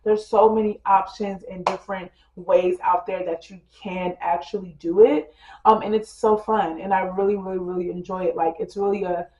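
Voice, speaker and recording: A woman vlogger with a mid-range voice, fairly even intonation, and normal speed gives a casual lifestyle tutorial, chatty and full of fillers and a bit congested from a cold. She addresses viewers as "girl" and "you guys." The recording is dull and roomy, with soft music and a little hiss or hum.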